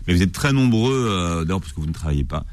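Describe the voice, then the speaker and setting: A man's voice: low-pitched, expressive, quick pace, darkish tone, dry recording, clean studio sound. A man hosting a live radio interview, conversational, stepping in with questions. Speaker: radio host.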